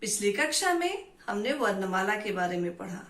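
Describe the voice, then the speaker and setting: A woman teaching a Hindi lesson to children, with a clear teacher's delivery that spells out and repeats syllables. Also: mid-range voice, very animated, moderate pace, a bit bright, roomy sound.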